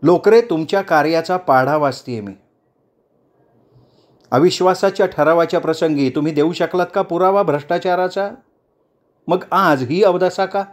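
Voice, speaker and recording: A man's voice: high-pitched, moderate pace, pauses often, pitched above the performer's own voice, natural voice. A man voicing a defiant woman council chair who addresses a crowd in a rousing, commanding speech.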